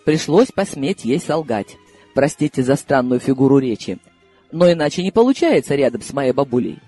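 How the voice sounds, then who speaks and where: A man narrating a first-person audiobook in a lively, ironic storytelling manner. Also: mid-range voice, moderate pace, slightly rough, faint music behind.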